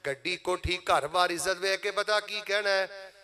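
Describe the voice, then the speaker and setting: A male preacher with a Punjabi accent leads a gathering, calling out phrases for the listeners to repeat and drawing verses out into slow chant. His voice sits high and bright. He keeps his pitch steady rather than swinging widely. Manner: calls on the crowd to repeat phrases aloud, breaks into slow sung verses.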